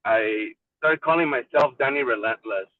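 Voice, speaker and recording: A man's voice: medium pitch, normal speed, dry recording. Man on a tinny car speakerphone. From Mexico. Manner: candid, loose and talkative. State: driving while calling in. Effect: car speakerphone call. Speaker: support group member. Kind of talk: casual personal story. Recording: tinny phone line, distant mic in a car.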